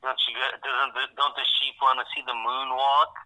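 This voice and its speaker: Calling in by phone to co-host a podcast, a man jokes and swears casually in relaxed chat. His voice is mid-range and sharp, with little pitch movement and a normal pace, heard over a tinny phone line.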